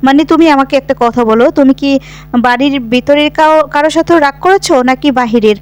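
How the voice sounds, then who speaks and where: Woman voicing a caring young husband, soft and coaxing, quick delivery. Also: high voice, lightly acted. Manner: coaxing, questioning.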